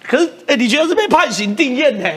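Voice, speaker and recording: A man's voice: extremely high pitch, lively intonation, fast, fairly bright tone. A man with a Taiwanese Mandarin accent hosting a political talk show, arguing point by point with emphatic rhetorical questions. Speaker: host.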